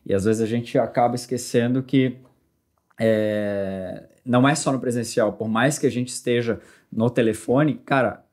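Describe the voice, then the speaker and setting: Podcast guest guy, laid back, rambles a bit, talks sales, normal pitch. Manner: relaxed, meandering, with restarts and fillers. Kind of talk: casual conversational chat.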